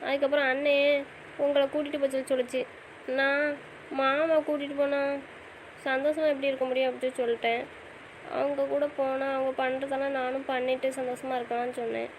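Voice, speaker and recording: A woman's voice: high-pitched, level tone, fast, a little hiss or hum, poor audio. A woman playing a wife in an audio drama, pleading and pressing with questions. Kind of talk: casual audio drama acting.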